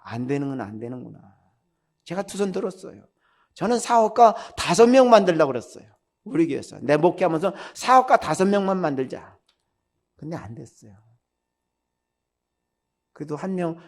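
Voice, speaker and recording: An older man, a retired pastor, preaching bluntly in a conversational way and firing off rhetorical questions. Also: high-pitched. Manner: blunt, direct and scolding. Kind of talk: sermon.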